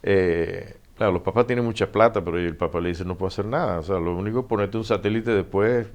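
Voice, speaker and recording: A middle-aged author with a Panamanian Spanish accent tells stories in a casual interview, his low voice moving fast. He's an animated storyteller who acts out the dialogue and laughs often.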